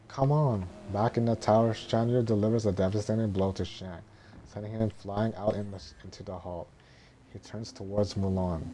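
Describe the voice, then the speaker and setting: A man with a low, mellow voice reads out a film script in a droning monotone. He is halting and trips over words, with faint noise in the background.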